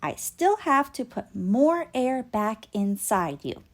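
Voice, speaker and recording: A woman's voice: a little high, very animated, slow pace, exaggerated voice. Woman as Doc McStuffins, reassuring little girl doctor. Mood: matter-of-fact. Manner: reassuring, explaining. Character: caring young girl toy doctor, reassuring, matter-of-fact.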